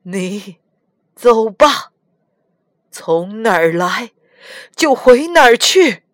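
A stern monk master in a children's storybook, voiced by a woman, dragging out each scolding word. He speaks loudly and slowly, in a dry, close sound. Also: fairly high pitch, big pitch swings, dry recording, exaggerated voice. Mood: weary. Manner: slow, drawn-out scolding. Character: stern, soft-hearted old monk master.

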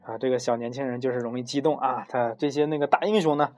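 A man's voice: mid-range voice, fairly even intonation, fast talker, a little mellow, soft background music. A man retelling a myth in a chatty, digressive way, often adding tag questions. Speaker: storyteller. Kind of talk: casual myth storytelling.

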